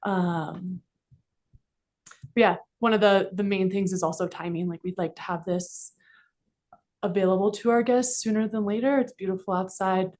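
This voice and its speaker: A woman's voice: medium pitch, fairly even intonation, normal speed, a little mellow. A woman representing a restaurant, speaking at a council meeting into a desk microphone, informal with many fillers and a little out of breath. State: slightly out of breath. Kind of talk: public comment at council meeting. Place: council chamber.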